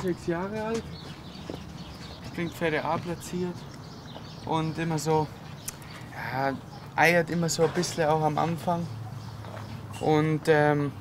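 A man's voice: fairly high pitch, background noise. A man, a horse owner, describing his mare hesitantly and searching for words, outdoors at a stable. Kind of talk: casual explanation.

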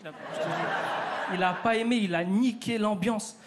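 A man's voice: high voice, moderate pace, background noise. A man with a North African French accent doing a chatty stand-up routine on a theater stage, talking straight to the crowd. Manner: chatty, addresses the crowd directly. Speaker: stand-up comedian.

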